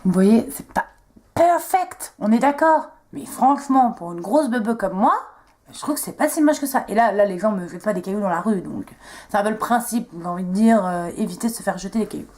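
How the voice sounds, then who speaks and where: A woman's voice: medium pitch, animated, fairly quick, darkish tone. A young woman chatting casually as she talks viewers through a makeup tutorial, joking at her own expense. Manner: chatty, self-mocking, talks viewers through each step. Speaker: beauty vlogger.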